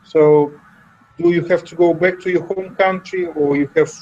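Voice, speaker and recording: Male webinar host, high voice, halting phrasing, dull lo-fi call audio. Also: steady tone, a little mellow, a little hiss or hum. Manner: halting, slightly broken phrasing. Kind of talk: webinar interview.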